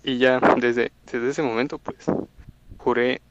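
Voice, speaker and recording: A man's voice: medium pitch, little pitch movement, takes it slowly, muffled recording, heavy background noise. A young man with a Mexican Spanish accent, telling a story in slangy casual chat on a call and acting out his own reactions.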